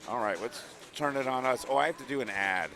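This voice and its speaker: His medium-pitched voice sounds pushed and bright, and he moves briskly as he hosts a live stream. The middle-aged Long Island, New York native reads ads and chat messages in an upbeat, chatty way, with a noisy crowd filling the tournament hall behind him.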